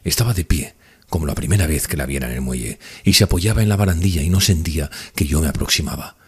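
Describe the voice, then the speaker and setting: A male audiobook narrator reads a classic novel in an earnest, steady first-person voice. His voice sits very low, with a husky, breathy texture. The delivery stays measured and literary.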